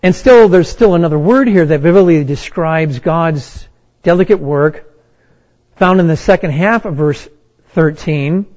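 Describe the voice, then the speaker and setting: A man preaching a sermon, reading and explaining scripture with slow, emphatic pauses. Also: on the high side, darkish tone, muffled recording. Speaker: pastor.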